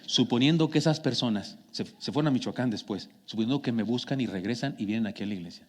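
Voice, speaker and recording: A man with a Mexican accent preaching a sermon as a pastor, telling stories in a conversational way that swings from hushed to emphatic. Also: medium pitch, quick pace. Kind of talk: sermon with personal storytelling. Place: church sanctuary. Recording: long church hall reverb.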